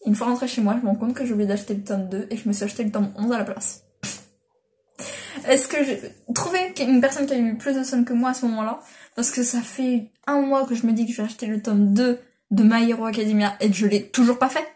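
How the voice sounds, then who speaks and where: Young woman, casual vlog chat, slightly high voice, rambling, fillers and restarts, built-in mic. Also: steady tone, fast, warm tone. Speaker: manga vlogger. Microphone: built-in device mic.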